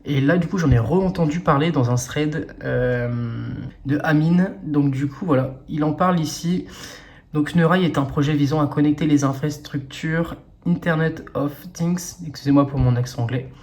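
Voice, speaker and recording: Chatty man with a slightly high voice. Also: moderate pace, darkish tone. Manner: chatty, full of fillers, talks straight to viewers. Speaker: crypto investing video host. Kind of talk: casual screen-share walkthrough.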